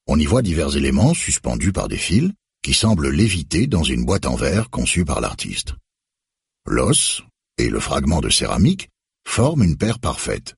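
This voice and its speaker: A man reading a novel aloud in measured, expressive scripted narration. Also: extremely low pitch, creaky, husky, no room sound, clean studio sound. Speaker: audiobook narrator.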